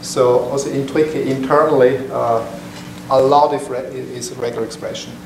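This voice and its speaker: A middle-aged man from Switzerland giving a technical talk to a small meetup, halting with many fillers and restarts. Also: medium pitch, fairly even intonation. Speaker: meetup presenter. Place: conference room, standing by a projector screen. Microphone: far camera. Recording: echoey room from far off, noisy.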